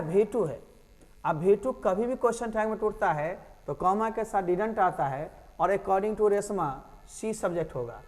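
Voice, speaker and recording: A man's voice: high-pitched, big-room sound. A man with an Indian accent explaining English grammar for an exam, asking and answering his own questions. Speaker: teacher.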